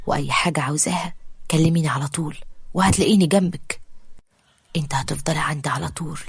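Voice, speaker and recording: A woman voicing a tender young husband, speaking in a hushed whisper with an Egyptian Arabic accent. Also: low voice, breathy edge, no echo, exaggerated voice. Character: tender young man comforting his ex-wife.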